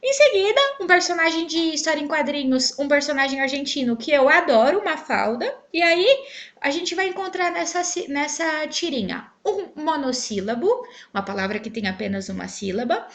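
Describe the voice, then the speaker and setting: Lively, bright-voiced woman teacher. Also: high voice, moderate pace. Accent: Brazilian Portuguese. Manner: clear, emphatic, stretches syllables when spelling out words. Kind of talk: online grammar lesson.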